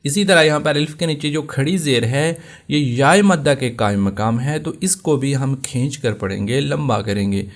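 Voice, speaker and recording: A man with a Pakistani Urdu accent teaching Tajweed, explaining common mistakes and then reciting verses slowly and drawn out. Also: medium pitch. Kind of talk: Tajweed lesson.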